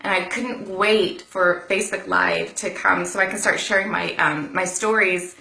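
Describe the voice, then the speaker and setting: Woman, motivational live stream, bright tone, roomy echo. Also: on the low side, fairly even intonation, normal speed, creaky. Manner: chatty, repeats herself, greets commenters.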